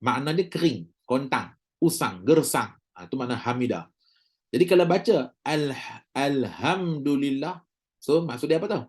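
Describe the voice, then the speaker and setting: A man with a Malaysian Malay accent runs a laid-back recorded recitation class, bantering and prolonging sounds to show how they're done. His mid-range voice is animated and a little mellow, moving at normal speed.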